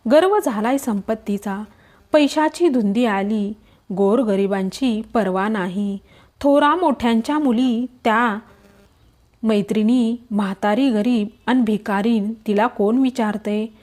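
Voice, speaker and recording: A woman's voice: on the high side, unhurried, a little mellow, natural voice. A woman reading as a bitter old woman. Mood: bitter scolding. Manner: scolding, bitter. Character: proud, angry old woman, poor and ragged.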